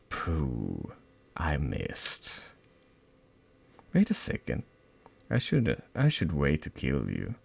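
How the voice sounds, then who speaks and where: In a role-playing game, a man voices a spiteful teenage girl who turns on her friend, mocking and threatening her in a cold, unhurried, menacing manner. The exaggerated voice is extremely low and rough, with lively swings in pitch.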